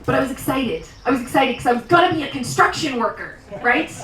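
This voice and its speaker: A woman performing a live stand-up set, self-mocking and wry, now and then breaking into shouted bursts. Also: sits high, expressive, quick pace. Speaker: stand-up comedian. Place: small live venue. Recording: roomy live sound from a distant mic.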